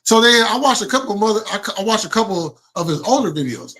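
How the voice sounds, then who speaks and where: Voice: medium pitch, animated, fast, a bit bright. A live stream host chatting casually with viewers in informal, slangy speech peppered with swearing.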